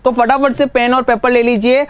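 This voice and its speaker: A man teaching reasoning in a live exam-prep class, brisk and coaxing, mixing Hindi with English. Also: very high voice, level tone, smooth, dry recording.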